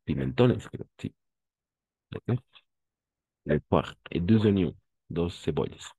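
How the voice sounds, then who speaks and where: A male language teacher with a very low, dark voice who talks slowly and patiently. He repeats words and corrects pronunciation. The sound is dry and close. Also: lively intonation, slightly rough, no echo. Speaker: French teacher. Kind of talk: language class instruction.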